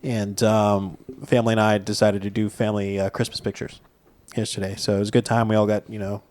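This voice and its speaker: A man's voice: fairly low pitch, level tone, brisk, a little mellow. A young man co-hosting a casual podcast, telling a story at an easy pace and laughing often. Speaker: podcast co-host. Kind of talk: casual chat.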